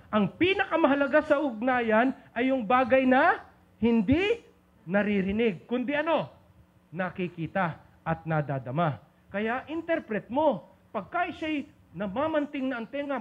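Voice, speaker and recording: A man giving a seminar on communication to a live group, teasing his listeners and calling on them by name. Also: very high voice. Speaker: seminar speaker. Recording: dull lo-fi recording.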